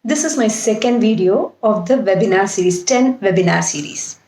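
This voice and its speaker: A woman's voice: mid-range voice, animated, moderate pace, dark tone. A woman from India giving a self-help webinar, earnest and walking through her points with rhetorical questions. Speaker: NLP practitioner and webinar host. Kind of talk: self-help talk to camera. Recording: echoey room.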